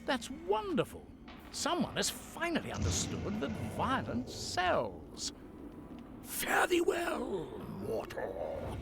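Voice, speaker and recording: A male actor voicing Death in a video game, with a drawn-out, grandly dramatic delivery. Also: very high voice, huge pitch swings, vocal fry, music in the background, exaggerated voice. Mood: theatrical. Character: Death, a theatrical male personification of death.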